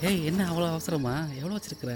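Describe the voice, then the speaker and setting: An actor playing a worldly elder of a transgender group who banters, coaxes and reassures, in a film drama. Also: male voice, fairly high pitch, animated, fast talker, lightly acted. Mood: teasing. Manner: bantering and coaxing, then softly reassuring. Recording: film soundtrack with loud music.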